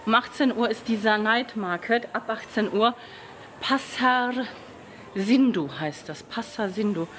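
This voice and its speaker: This thirty-something travel vlogger has a fairly high, rather bright voice and takes her time as she talks to her handheld camera at arm's length. Tired from the humid heat, she rambles a bit in a hotel lobby and on the street, sprinkling in "genau" and "ne?" tags. Some slight background noise is audible.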